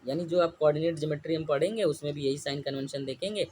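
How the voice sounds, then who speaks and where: A man's voice: a little high, very fast, a little mellow, slight background noise. A man teaching a class lecture. He keeps asking the students questions and answers them himself. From India.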